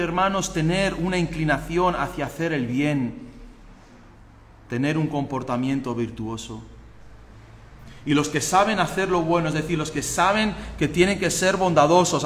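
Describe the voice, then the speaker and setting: A man with a Spanish accent from Spain, a pastor preaching a sermon, who swings between fervent exhortation and calm teaching. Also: a little high. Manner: acts out voices of people in his stories. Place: church sanctuary. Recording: echoey church hall.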